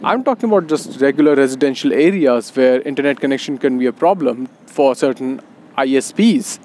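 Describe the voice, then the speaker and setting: A man's voice: medium pitch, lively intonation, brisk, warm tone. A man with an Indian accent recording a video game commentary voice-over outdoors on a rooftop. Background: wind and urban background noise.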